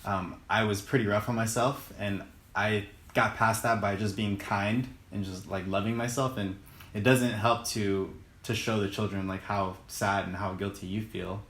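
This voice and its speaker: A man hosts a podcast interview with a low voice, reflecting on his own experience before asking careful follow-up questions. He speaks in a thoughtful, measured way. A roomy echo surrounds the recording. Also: fairly even intonation, a bit bright. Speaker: podcast host.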